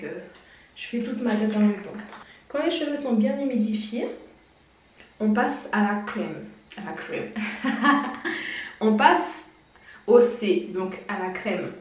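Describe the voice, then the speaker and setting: Woman vlogger, casual explainer, mid pitch, distant and roomy sound. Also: a little mellow, slight background noise. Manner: chatty, explanatory, laughs at herself. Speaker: beauty vlogger. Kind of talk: casual hair-care tutorial. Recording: very echoey room, distant mic.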